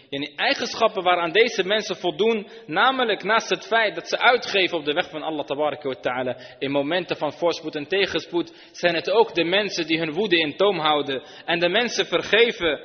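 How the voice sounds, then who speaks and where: High-voiced man preaching in a reverberant hall. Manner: earnest, explanatory, weaving in Arabic phrases. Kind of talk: Islamic sermon. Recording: dull lo-fi sound with long hall reverb.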